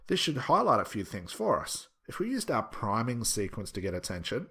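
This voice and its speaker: A man giving an instructional lecture in a conversational, explanatory style, stressing and repeating his key points as a teacher does. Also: fairly low pitch. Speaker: hypnosis instructor.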